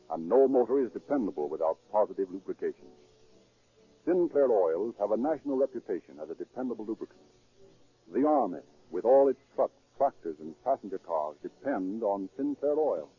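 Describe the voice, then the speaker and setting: This husky, lowish-voiced man is a radio announcer reading scripted narration and sponsor copy. His delivery is formal and declamatory in 1930s style, heard through a muffled, band-limited period broadcast.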